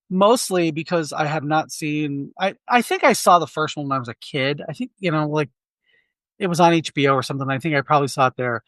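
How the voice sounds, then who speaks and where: In casual film chat on a podcast he co-hosts in the Quad City area, a man speaks candidly in a rambling way, restarting often. His voice is a little high and fairly bright, recorded without echo.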